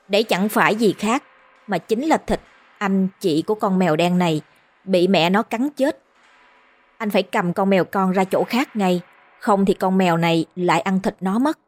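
A woman storyteller reading a ghost story in a steady, measured way. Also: lowish voice. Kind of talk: scripted ghost story narration.

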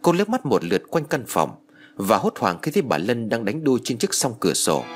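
Guy reading a spooky story, lively voice, music bed behind. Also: medium pitch, a little fast. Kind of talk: ghost story narration. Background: background music.

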